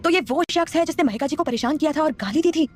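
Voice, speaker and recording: A woman's voice: high voice, quick pace, voice pushed up, natural voice. A woman voicing a brash, hot-headed young man, a loyal friend, in an audio drama. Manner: brash, excitable.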